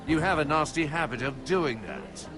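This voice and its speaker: An actor voicing a menacing, scheming lord in a video game, haughty and threatening. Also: male voice, fairly high pitch, lively intonation, normal speed, close to an everyday voice. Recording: music behind the voice.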